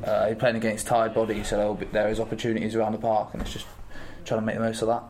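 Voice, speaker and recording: A young man in his twenties speaks in a low, level voice with little rise and fall. He answers interview questions haltingly, pausing and filling gaps as he goes. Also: monotone, darkish tone. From England. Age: 20s. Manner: halting, with many pauses and fillers. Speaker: rugby player guest.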